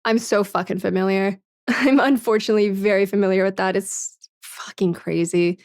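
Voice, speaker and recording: A woman in her twenties livestreams, casually chatting with viewers and reading and answering their comments, frank, swearing often and laughing a lot. Her mid-range voice has fairly even intonation, a moderate pace and a darkish tone, recorded in clean studio sound with no room sound.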